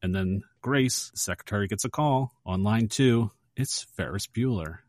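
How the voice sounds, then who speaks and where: A man's voice: on the low side, moderate pace, darkish tone, dry recording, clean studio sound. A man co-hosting a casual movie podcast, retelling a film scene with energy and acting out the characters' lines. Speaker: podcast co-host.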